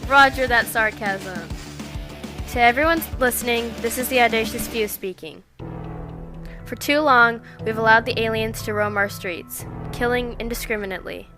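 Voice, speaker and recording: Woman doing a confident rebel girl, higher voice, music going behind her. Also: moderate pace, natural voice. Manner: confident, persuasive. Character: bold, determined young female rebel.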